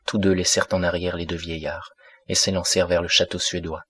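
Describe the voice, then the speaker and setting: Guy reading an audiobook, low flat voice, bit husky, steady pace. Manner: measured, steady. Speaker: audiobook narrator. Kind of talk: scripted narration of a classic novel.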